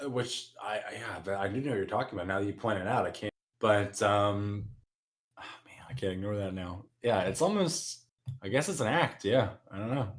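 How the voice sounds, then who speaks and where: Laid-back young man with a low voice. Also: moderate pace. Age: young adult. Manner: laid-back, agreeable, hesitant with ums. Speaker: podcast co-host. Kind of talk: casual chat.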